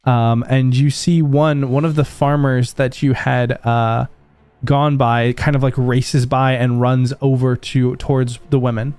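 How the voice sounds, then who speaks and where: A man narrates a tabletop role-playing game as its game master. He talks in a loose, unhurried way, full of ums and "kind of", in a dry sound with faint music behind him. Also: medium pitch, clear, resonant tone, dry recording. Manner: relaxed, many ums and kind-ofs.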